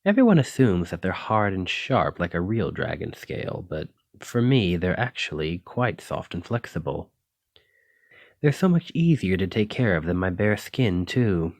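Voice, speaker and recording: The low-voiced man is once more the possessive, flirtatious dragon-blooded librarian of an intimate ASMR roleplay, stretching his phrases out teasingly and coyly. It's a heavily acted performance with no room sound.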